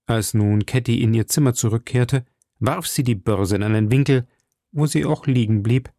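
Man reading aloud, gravelly, dark mellow tone, dry close sound, measured. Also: mid-range voice, no room sound. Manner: measured storytelling. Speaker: reader.

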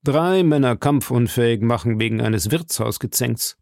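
A man voicing a stern older cardinal in an audiobook, speaking in a slow, measured, probing way. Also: mid-range voice, gravelly, a little mellow, no echo, studio quality, natural voice. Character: stern, silky older male cardinal of high rank. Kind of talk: audiobook reading.

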